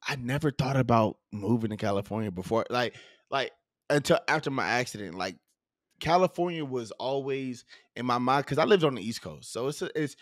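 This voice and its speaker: Hosting a laid-back podcast interview from his home studio, a Southern US man talks with many fillers and false starts into a studio mic, headphones on. His mid-range voice is brisk, and the recording is dry.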